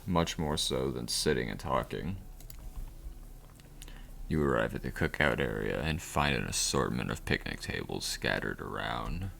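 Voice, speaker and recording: A man's voice: very deep voice, expressive, measured pace, creaky, a bit bright, a little hiss or hum, voice pushed down, full character voice. A man reading aloud the sarcastic narration of a dating game, with a dry, sardonic delivery.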